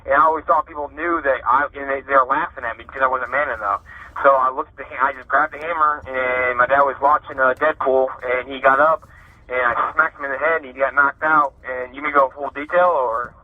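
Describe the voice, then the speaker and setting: A man in his thirties speaks over a prison phone line, and the narrow band makes the sound thin and tinny. He talks at a middle pitch in a halting way, full of fillers and restarts, as he tells his own story from inside prison. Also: steady tone. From Ohio, USA. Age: 30s. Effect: heard over a prison phone line. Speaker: prison inmate being interviewed. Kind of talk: candid personal account.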